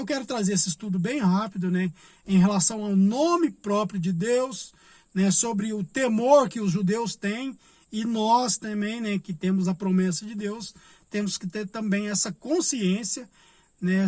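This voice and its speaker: A man giving an informal Bible study lesson. He explains slowly, repeats his points and asks and answers his own questions. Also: sits high, a little mellow, no echo. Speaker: Bible teacher.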